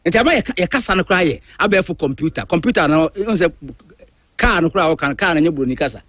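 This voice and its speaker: Talking fast, a Ghanaian drive-time radio host argues his opinions in an emphatic, animated monologue, switching freely between languages, his voice pitched high for a man. The studio recording is dry and close, with no room sound.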